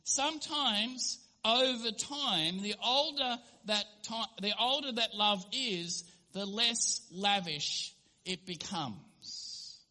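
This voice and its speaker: A man preaching with a high, very bright and ringing voice. He delivers an earnest sermon and now and then acts out small scenes in different voices. His words trail off into a long reverb, as in a church hall. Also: expressive, slow. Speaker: pastor.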